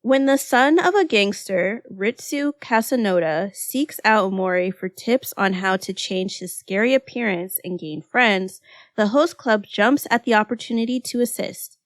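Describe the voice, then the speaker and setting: A woman's voice: mid-range voice, lively intonation, measured pace, no room sound. A woman in her thirties co-hosting a podcast, talking loosely and laughing often in casual chat. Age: 30s. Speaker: podcast co-host.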